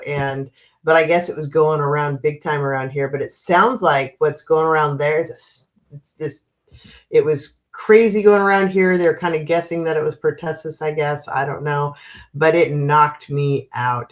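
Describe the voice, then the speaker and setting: A woman in her fifties with a deep voice hosts a casual livestream, chatting away and greeting viewers by name. Her nose is stuffy and congested from a cold.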